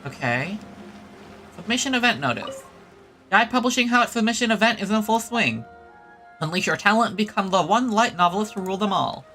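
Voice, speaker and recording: Soft music plays under this streamer's bright, forceful voice as he narrates his live gameplay fairly quickly. He sounds high-pitched and animated, reads some text aloud, and keeps muttering small remarks to himself.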